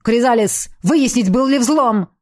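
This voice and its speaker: A woman's voice: mid-range voice, unhurried, a little mellow, close to an everyday voice. A woman voicing a protective, commanding alien warrior man in a science fiction audiobook, speaking tersely. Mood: barking command.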